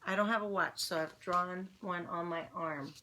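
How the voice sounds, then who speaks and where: A woman reading a children's picture book aloud to kids online in a lively, chatty way, with friendly asides. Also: on the low side, moderate pace, a little hiss or hum.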